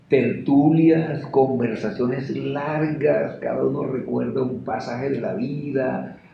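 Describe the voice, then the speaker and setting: A creaky, mid-range male voice belongs to a sociologist and teacher in his sixties from Colombia's Caribbean river region, speaking with a Colombian Caribbean accent. As an interviewee, he answers questions in a chatty, anecdotal way. The recording is muffled and echoey, made in a noisy room.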